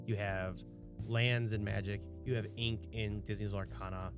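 A man's voice: fairly low pitch, fairly even intonation, moderate pace, music in the background. A man in his thirties from Michigan, co-hosting a casual podcast chat and retelling stories with animation. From Michigan, USA. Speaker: podcast co-host.

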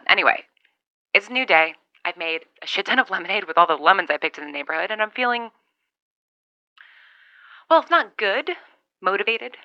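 A woman's voice: mid-range voice, sharp tone, no room sound. A woman playing a lone survivor over walkie-talkie. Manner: wry, rambling, thinking aloud. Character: lone woman survivor keeping a radio log. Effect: talking over a CB walkie-talkie radio. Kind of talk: audio drama monologue. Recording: dull lo-fi radio sound.

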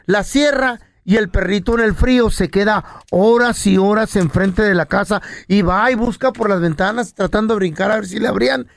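A man's voice: high voice, normal speed, vocal fry, few pauses. A man, co-hosting a comedic talk show and telling stories in a playful, joking way. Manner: playful, joking, does animal noises. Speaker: radio co-host. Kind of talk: comedic casual chat.

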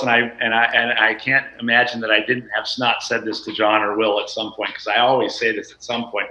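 A man's voice: mid-range voice, sharp tone. A man guesting in an interview, reflective and storytelling, often saying "you know". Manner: reflective, storytelling, with frequent filler phrases. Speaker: guest, guitarist and teacher. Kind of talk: casual interview chat. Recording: roomy, dull lo-fi sound.

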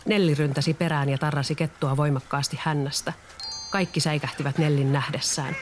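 A storyteller reading a children's storybook aloud in a calm, even way. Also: medium pitch, soft background music.

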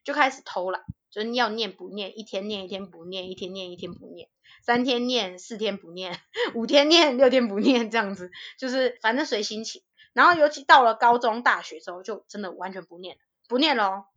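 Bright, lively young woman. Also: medium pitch, brisk, muffled recording. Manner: lively storyteller who acts out quotes, laughs often. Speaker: podcast co-host. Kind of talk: casual chat.

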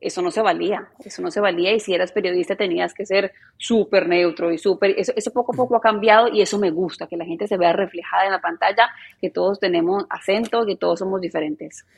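A woman in her thirties from Colombia, with a softened Colombian accent blended with neutral Spanish, chatting easily as a journalist guest in an interview. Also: medium pitch, quick pace, vocal fry, few pauses, husky. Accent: softened Colombian, mixed with neutral Spanish. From Medellín, Colombia. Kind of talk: casual interview chat.

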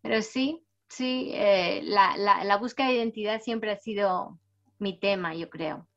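A woman's voice: mid-range voice, measured pace, lo-fi sound. A middle-aged Spanish-born woman raised in Panama, an author answering interview questions thoughtfully, her accent a mix of Latin American and Spanish. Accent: mixed Latin American and Spanish. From Spain, raised in Panama. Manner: warm storytelling, thoughtful, frequent tag questions. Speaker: writer, interview guest.

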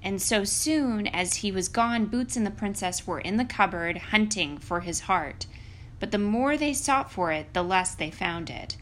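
A woman storyteller giving an expressive narration of a fairy tale. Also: mid-range voice, unhurried, slight background noise.

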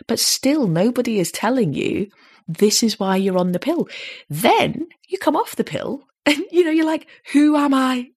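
This late-thirties podcast host has a husky, slightly deep voice and keeps the chat casual. She turns animated when arguing a point.

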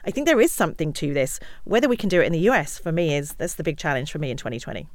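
A woman answers interview questions at a rapid clip and keeps the stories moving. She acts out what other people said as she goes. Her voice is close and dry, with no room sound. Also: deep voice, no room sound. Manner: fast, animated storytelling with acted-out quotes. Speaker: guest. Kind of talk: conversational interview.

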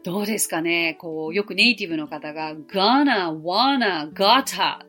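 Woman, 40s, podcast language teacher; bright, clear, patient delivery over a faint music bed. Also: on the low side. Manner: clear, gentle explanatory tone, slows down for English phrases. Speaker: English teacher and podcast host. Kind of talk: podcast English lesson.

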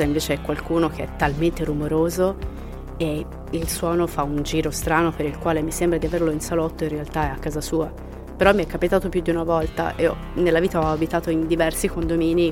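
Reading out horror stories sent in by listeners, this podcast host laughs along and occasionally sinks into a whisper at the eerie moments. Her voice is lowish and a little mellow.

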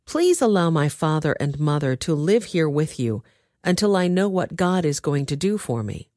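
A woman's voice: low voice, very animated, normal speed, warm tone, no room sound, clean studio sound. A woman reading the part of a young male outlaw leader who speaks earnestly.

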